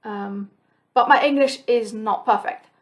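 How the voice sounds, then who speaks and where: Talking to camera alone at home, a Swiss flosstube host with Swiss German as her first language keeps a measured pace. Her voice runs slightly high, and her casual rambling is chatty and reflective. Ums and restarts come up often.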